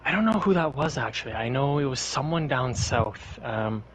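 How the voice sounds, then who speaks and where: A man's voice: mid-range voice, expressive, normal speed, a little hiss or hum, rough recording. A man guest on a podcast, telling stories in a rambling, laid-back casual way. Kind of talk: casual chat.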